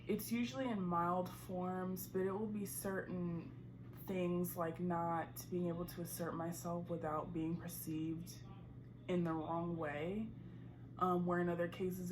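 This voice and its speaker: Young woman from Chicago, measured tone. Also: on the low side, level tone. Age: 20s. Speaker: interviewee. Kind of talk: personal testimony. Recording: noisy background.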